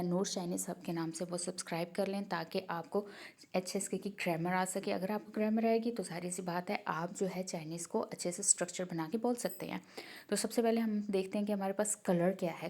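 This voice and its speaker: A woman teaching an online language lesson, speaking slowly and carefully and repeating each word to drill pronunciation. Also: on the low side, mellow.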